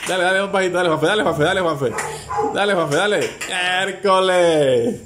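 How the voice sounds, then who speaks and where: A man runs party games at home, his slightly raised voice pressing players on with fast, repeated cheers and bursts of laughter. Steady background noise hangs under the home recording. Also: high voice. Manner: urgent cheering, rapid repeated urging, laughing. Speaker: host running family party games. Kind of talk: excited play-by-play commentary.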